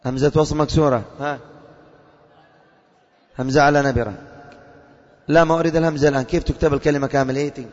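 A man's voice: a little high, steady tone, fast talker, long pauses. A male religious teacher giving a classroom lesson, quizzing his students and repeating their answers back to them. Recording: long reverb, dull lo-fi.

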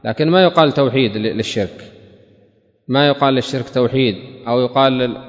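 A man teaches a religious lesson at a measured pace, posing each question twice and then answering it. His voice sits at a middling pitch. The recording trails off in a long hall reverb and sounds dull and lo-fi. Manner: measured, deliberate teaching delivery.

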